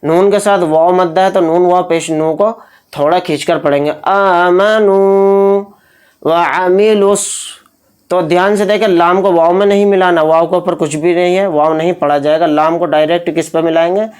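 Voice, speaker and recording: A man's voice: on the high side, fairly even intonation, brisk, darkish tone, clean tone. A man teaching Quran recitation, patiently explaining each letter and drawing out the sounds as he demonstrates. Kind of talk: slow, methodical recitation lesson.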